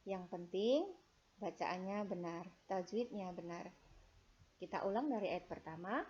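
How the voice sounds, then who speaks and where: A woman with an Indonesian accent teaching children Quran reading, over-enunciating in instruction and drawn-out melodic recitation, in a dull recording. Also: lowish voice, darkish tone.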